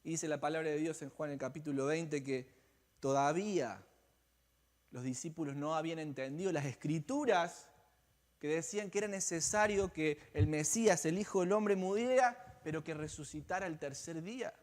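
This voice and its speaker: Male pastor, high voice, dramatic sermon storyteller who drops to near-whispers, long church-hall echo. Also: normal speed. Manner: dramatic storytelling, swinging between loud and hushed. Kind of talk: Easter sermon. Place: church sanctuary.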